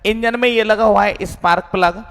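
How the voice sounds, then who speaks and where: A man's voice: high-pitched, steady tone, a little fast, creaky, a bit bright. A male teacher giving an online technical class. He asks the class questions and then answers them himself, calling the students "son." His voice carries a strong cave-like echo. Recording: long hall reverb echo.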